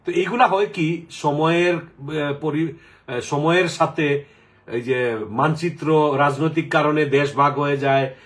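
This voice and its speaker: Man, middle-aged, casual rambling talk, somewhat high pitch. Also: fairly even intonation, measured pace, a bit bright. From Sylhet region, Bangladesh. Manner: rambling, many fillers and restarts. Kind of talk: casual chat.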